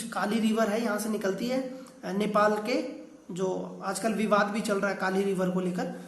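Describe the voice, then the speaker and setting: A man's voice: high voice, echoey room. A man teaching a geography class, explaining step by step, often asking a question and then answering it himself. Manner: explanatory, repeats key terms.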